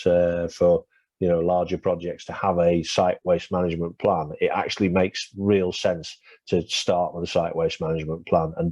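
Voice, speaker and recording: This low-pitched, mellow-voiced man is losing his voice while he gives a webinar and answers questions, restarting often and leaning on fillers. The dry audio sounds dull and lo-fi.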